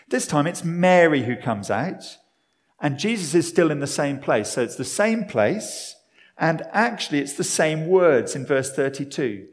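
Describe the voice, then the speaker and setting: A man preaching a sermon, lively and animated, dropping to a hushed, slow voice for the tender parts. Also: medium pitch.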